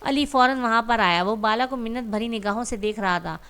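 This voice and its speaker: A woman narrating a romantic drama story aloud in a steady reading voice. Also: fairly high pitch, clean tone.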